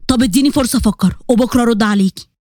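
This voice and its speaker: A woman's voice: a little high, very fast, darkish tone, no echo, clean studio sound, pitched below the performer's own voice, natural voice. A woman voicing a protective, anxious middle-aged father with an Egyptian accent. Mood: teasing. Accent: Egyptian Arabic. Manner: heavy, anxious, pleading.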